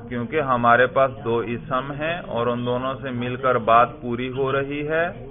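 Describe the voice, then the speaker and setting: A man's voice: medium pitch, fairly even intonation. Male grammar teacher who quizzes and repeats answers, thin phone-like sound. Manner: questioning, repeats student answers, praises. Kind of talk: classroom grammar lesson. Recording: tinny phone-like lo-fi audio.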